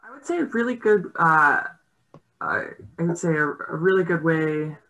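Despite poor audio, a woman's low, fairly bright voice shows lively intonation at a moderate pace. In her thirties, she is the guest rower on a casual panel discussion, speaking through a laptop mic on a video call from a home room, thoughtful and hesitant and using many fillers.

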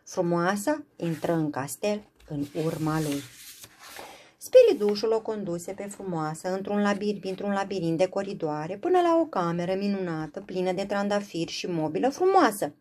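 A woman's voice: medium pitch, lively intonation, a little mellow. A woman reading a fairy tale aloud, narrating expressively. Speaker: storyteller.

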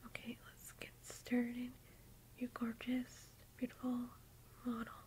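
A woman's voice: a little high, monotone, takes it slowly, a little mellow. A young woman whispering in an ASMR makeup roleplay, gushing compliments and rambling with "like" and "um". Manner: rambling with fillers like "like" and "um". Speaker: ASMR YouTuber.

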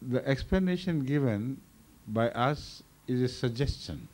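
An older man, a religious leader, giving a measured, thoughtful explanation at a microphone during a question session. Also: mid-range voice, animated, darkish tone, slight background noise. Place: large indoor hall. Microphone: standing microphone.

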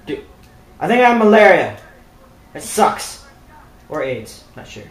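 A man's voice: on the high side, very animated, a little slow, echoey room, poor audio. A young man joking around while playing a video game, silly and playful. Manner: goofy, playful, bursts of shouting. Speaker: gamer.

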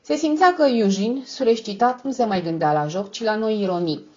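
A woman's voice: a little high, mellow. Woman narrating an audiobook, muffled sound. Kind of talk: scripted narration.

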